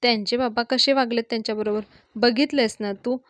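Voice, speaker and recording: A woman's voice: fairly high pitch, fairly even intonation, a little fast, no room sound, close to an everyday voice. A woman voicing an earnest young husband pleading with a friend in a retold serial scene. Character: young man, earnest and protective.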